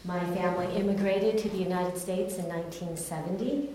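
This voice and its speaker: A woman born in Taiwan and raised in California candidly shares her personal testimony, earnest and storytelling in manner. Her voice is lowish, mellow, and steady, a little fast, and the recording is very echoey, with a distant mic and faint noise.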